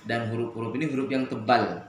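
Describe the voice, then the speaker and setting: A man teaching Quran recitation on the radio, slowly drawing out Arabic letter sounds as he demonstrates them. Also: mid-range voice, steady tone, reverberant, a little hiss or hum. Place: radio studio.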